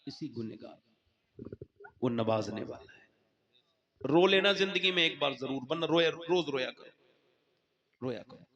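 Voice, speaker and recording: A man preaching a sermon to a live gathering, telling a story with impassioned swings between soaring cries and hushed tones. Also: a little high, measured pace, pauses often, lo-fi sound. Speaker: Islamic preacher. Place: gathering with listeners present.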